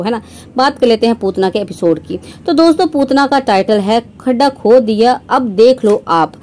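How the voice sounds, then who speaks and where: A woman's voice: a little high, warm tone. A young woman reaction vlogger talking straight to her viewers, mocking and sarcastic, often tagging her lines with a rhetorical question. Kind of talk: scornful commentary to viewers.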